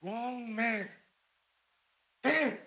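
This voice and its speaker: An actor playing a gruff, cynical gangster who talks in clipped, tough slang, on a dull 1930s film soundtrack. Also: male voice, medium pitch, animated, slow.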